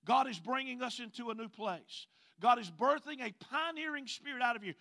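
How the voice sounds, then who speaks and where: A very high-pitched man delivers a sermon with a Southern US Mississippi accent, lingering emphatically over scripture and prompting congregational responses. His lively, creaky voice is bright and forceful.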